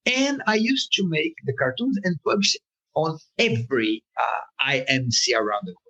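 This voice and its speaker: Man, Brazilian accent, hesitant and searching for words, bright tone, lively pitch. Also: breathy edge, low-quality recording. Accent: Brazilian Portuguese. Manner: halting, many fillers and restarts, searches for words. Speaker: political cartoonist, guest. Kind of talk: interview conversation.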